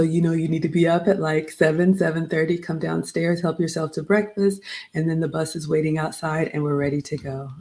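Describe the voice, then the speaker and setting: A middle-aged woman from Ghana with a low, warm voice hosts a casual livestream vlog, recapping a trip and greeting viewers by name as she chats.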